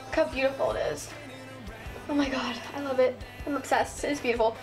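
Speaking into her webcam's built-in mic in a cramped bedroom, a young woman from the Midwest talks casually with a Southern Ohio twang. Her voice is high and steady yet brisk, gushing with ums and likes over faint background music.

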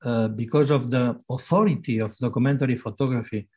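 This guest lecturer, a man in his sixties with a Catalan accent, talks a little fast in a medium-pitched, dark voice. Lecturing from a home study via laptop webcam on a video call, he hesitates often, using many fillers and restarts.

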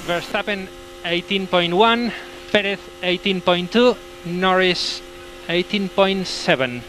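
A man, a race engineer, relaying lap times to a driver in calm, terse lines over team radio. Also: high voice, slow, a little hiss or hum.

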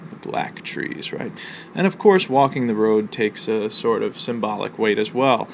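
A man teaching a college literature lesson, explaining a poem's rhythm and imagery in a measured way with fillers and pauses. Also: fairly low pitch, animated, gravelly, slight background noise. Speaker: college instructor. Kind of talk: recorded literature lecture. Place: outdoors near a library.

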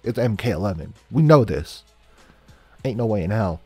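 A man reacting to a video game trailer in casual commentary, swinging between low mumbles and loud excited outbursts. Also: normal speed, breathy edge, dry recording, faint music behind. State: cold and shivering, early morning. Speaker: reaction streamer.

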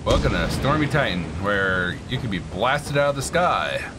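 A man's voice: lowish voice, very animated, moderate pace, very noisy. A man hosting casual gameplay commentary, chatty and thinking aloud as he plays. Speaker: gaming channel host.

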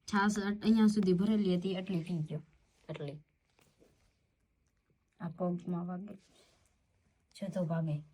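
A young woman, talking gently at home and cooing to a dog. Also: on the low side, fairly even intonation, unhurried, long pauses. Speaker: vlogger's wife. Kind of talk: casual home conversation.

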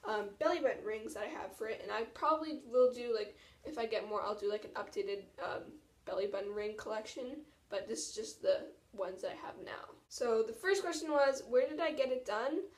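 A teenage girl vlogger with a voice on the high side chats at a moderate pace, casually and self-deprecatingly, to a camera propped about arm's length away. She's indoors in a small tiled washroom at home, so the sound is echoey and the mic distant.

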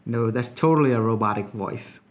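A man giving a relaxed, conversational software tutorial, talking through each step with frequent filler words. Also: mid-range voice, a little fast. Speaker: software reviewer. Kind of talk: casual screen-recorded tutorial.

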